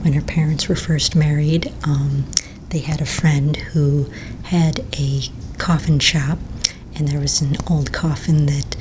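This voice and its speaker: Low whispering woman, library story-hour role-play. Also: flat delivery, a little slow. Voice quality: soft library whisper, breathy and unvoiced. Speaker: librarian reading a Halloween picture book aloud. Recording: low rumbling background noise.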